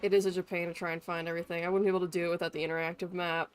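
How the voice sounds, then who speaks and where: A woman live streamer plays a game while giving casual, irreverent commentary peppered with swearing. Her voice is on the low side, smooth and rapid-fire, with little pitch movement, and faint game music plays behind her.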